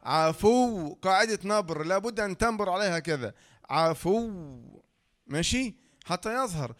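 A man with an Egyptian accent teaching a tajweed lesson, who asks the class questions, answers them himself, and slowly draws out the example sounds. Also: high-pitched, expressive, fairly bright tone. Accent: Egyptian Arabic. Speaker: Quran recitation teacher.

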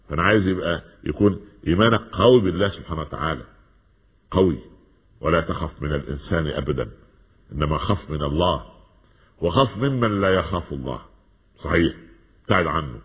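Speaking quickly with an Egyptian accent, a male preacher delivers a lively sermon in a low, husky voice, blending classical and colloquial Arabic. He presses his points with rapid rhetorical questions, and a long reverb tail trails his words.

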